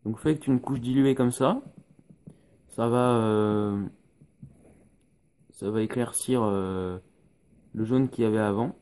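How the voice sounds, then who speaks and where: A man's voice: mid-range voice, takes it slowly, pauses often, darkish tone. A man giving a casual painting tutorial, recorded on a phone, explaining each step with many hesitations.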